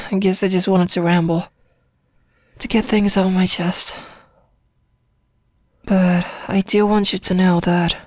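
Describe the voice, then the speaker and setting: Slow, drowsy woman in ASMR role-play. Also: mid-range voice, no echo, studio quality. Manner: soft, drowsy, intimate, rambling with pauses. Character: sleepy, lovesick long-distance girlfriend leaving a tender voice message.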